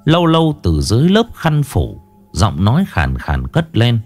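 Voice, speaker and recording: A man's voice: medium pitch, huge pitch swings, moderate pace, faint music behind. Dramatic male horror-story narrator.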